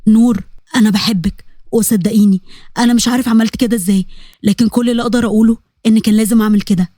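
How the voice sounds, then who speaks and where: Casting: a woman doing a pleading young man, Egyptian accent, soft earnest tone, fast dry read. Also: fairly high pitch, steady tone, no echo, close to an everyday voice. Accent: Egyptian Arabic.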